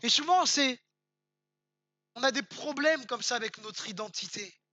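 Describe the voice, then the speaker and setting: French male pastor, bright tense voice, emphatic sermon with casual asides. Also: very high voice, expressive, measured pace, dry recording. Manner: emphatic, repeats words for stress, rises to near-shouts; conversational asides, addresses the congregation directly.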